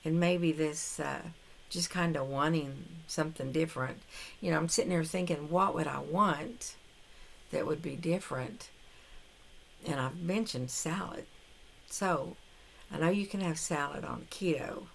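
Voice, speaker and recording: A woman's voice: low-pitched, a little slow, creaky, a little hiss or hum. An older woman vlogging casually to camera, rambling and hesitant, with frequent restarts. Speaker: vlogger on a carnivore diet challenge. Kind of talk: casual talking-to-camera vlog.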